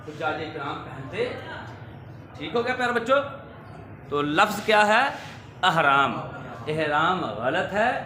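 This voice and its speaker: A man teaches children how to pronounce words. His voice sits high and bright, and he stretches each word slowly before quizzing them with rising questions. The sound is roomy and echoey, with a faint hum behind it. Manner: slow, drawn-out repetition of words. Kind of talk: pronunciation lesson for children. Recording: echoey room with faint ambience.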